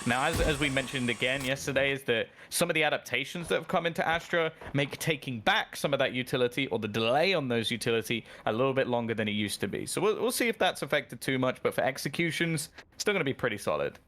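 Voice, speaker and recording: Bright-sounding guy casting esports, explains picks then gets loud on big plays. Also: medium pitch, fast talker, hardly any pauses, a little hiss or hum. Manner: analytical, rises sharply in excitement during plays. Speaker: esports caster. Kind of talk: esports commentary.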